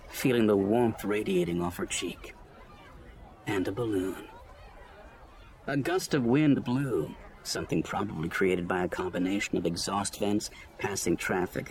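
A man narrating a story as an audiobook reader, in an expressive storytelling manner. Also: on the low side. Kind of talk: scripted narration.

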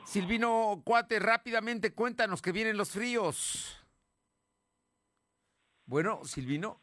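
Bright-voiced radio news anchor. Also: male voice, high-pitched, expressive, takes it slowly, dry recording. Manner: conversational, hands off to reporters.

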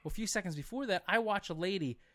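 Thirties male co-host, quick animated storyteller, bright edge. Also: sits high. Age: 30s. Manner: animated, laughing through a rambling story. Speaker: podcast co-host. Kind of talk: casual storytelling.

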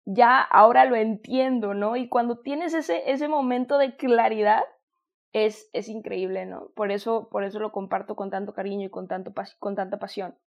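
A woman's voice: medium pitch, steady tone, moderate pace, dull audio. A woman with a Mexican accent giving a motivational self-love talk, affectionate and conversational, often repeating and restarting phrases. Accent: Mexican Spanish. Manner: warm, affectionate, addresses listener as "hermosa".

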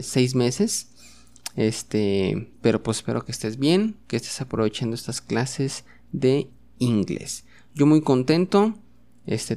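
Patient, slow-talking man teaching. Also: mid-range voice, gravelly, a little mellow. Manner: patient, repeats words for the listener to echo. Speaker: English teacher. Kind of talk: slow bilingual vocabulary lesson.

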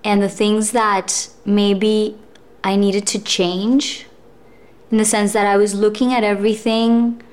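A young adult actress, appearing as a guest in a casual interview, speaks slowly in a medium-pitched, level voice. She comes across as thoughtful, laughing often and using lots of fillers.

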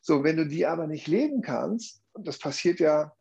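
A man's voice: a little high, expressive, normal speed, creaky, darkish tone, breathy edge, lo-fi sound. A man explaining a view earnestly in conversation, often checking in with tag questions.

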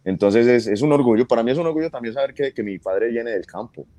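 A man's voice: medium pitch, quick pace, dark tone. A man with a Colombian paisa accent, chatting as an interview guest, laughing often and repeating words as he talks. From United States. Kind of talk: casual interview chat.

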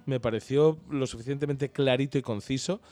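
A man hosting a casual podcast chat, animated and jokey with theatrical exclamations. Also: mid-range voice, fairly quick, no echo. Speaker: podcast host.

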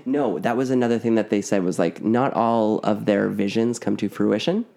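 Gravelly man telling a story rambly. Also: fairly low pitch, normal speed, mellow. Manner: rambling, with many fillers and restarts. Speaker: podcast co-host. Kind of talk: casual storytelling chat.

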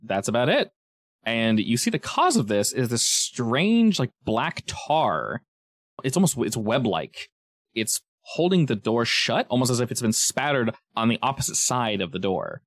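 A man running a tabletop game, improvising casual, descriptive narration and pausing to search for words. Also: mid-range voice, sing-song, no room sound, clean studio sound. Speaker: game master.

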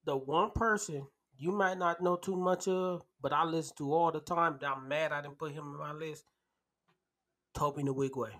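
A man in his thirties with a fairly high voice talks casually as a podcast co-host. He pushes back bluntly with opinionated ribbing. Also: steady tone, moderate pace, a bit bright. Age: 30s. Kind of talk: casual opinionated debate chat.

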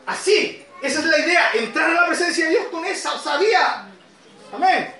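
A Chilean man preaching a sermon in a high, bright voice. He drops to soft asides, then climbs to shouted, emphatic peaks. He sounds set back from the mic in an echoey room. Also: distant mic. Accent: Chilean Spanish. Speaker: pastor.

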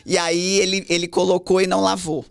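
A woman's voice: lowish voice, little pitch movement, brisk, creaky, clear, resonant tone. A Brazilian woman guest on an interview podcast, telling personal stories with emotion and acting out other people's voices. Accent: Brazilian Portuguese. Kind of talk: personal storytelling.

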